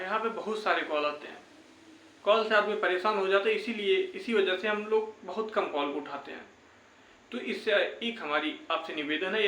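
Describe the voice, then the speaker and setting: Bright and forceful, the young man's high voice carries an informal, reassuring exam update for his YouTube audience. Phrases recur often as he talks, and the recording sounds echoey and roomy.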